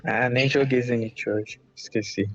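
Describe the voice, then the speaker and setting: Streaming a mobile game, a Brazilian man chats in relaxed slang at a measured pace, his medium-pitched voice carrying a Brazilian Portuguese accent. He restarts often. There's no room sound, just a dull lo-fi mic with game music.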